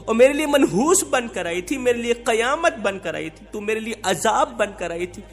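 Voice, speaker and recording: A man voicing a harsh husband who loudly scolds and blames his wife in a sermon story. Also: sits high, animated, soft background music. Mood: angry, accusing. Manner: loud, accusing rant.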